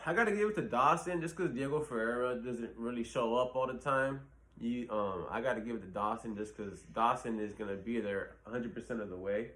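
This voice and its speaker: A man's voice: mid-range voice, fairly bright tone. A man hosting his own channel, giving blunt, profane fight predictions in a rambling casual talk full of fillers. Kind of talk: casual solo commentary.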